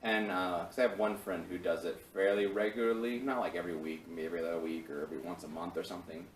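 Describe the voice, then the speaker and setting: Casual low-voiced man teaching from afar. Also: fairly even intonation, quick pace. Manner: conversational, rambling, with many fillers and restarts. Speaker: Bible study teacher. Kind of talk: casual Bible study teaching. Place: church meeting room. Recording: roomy, from a distance, faint background hiss.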